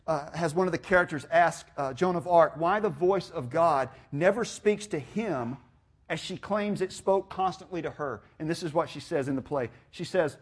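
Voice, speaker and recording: High-voiced man preaching a sermon. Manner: emphatic, repetitive preaching cadence; storytelling with acted-out dialogue. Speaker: pastor.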